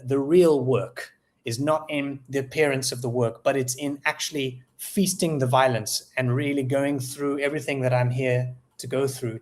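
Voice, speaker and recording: A man's voice: mid-range voice, a little mellow. A man with a South African accent, a poet talking as an interview guest, reflective and often hunting for words with fillers and restarts. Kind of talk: casual interview conversation.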